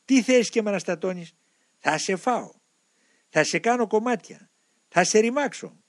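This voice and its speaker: A man voicing a male demon possessing a monk, shouting threats and mockery. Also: high voice, expressive, no room sound, studio quality, voice pushed up. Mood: furious.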